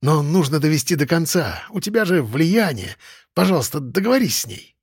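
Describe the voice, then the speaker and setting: A man's voice: on the high side, very animated, normal speed, husky, dry recording, clean studio sound, full character voice. A man voicing a whiny, self-pitying office engineer who keeps pleading to be spared a work trip, read as an audiobook character. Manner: whining, pleading.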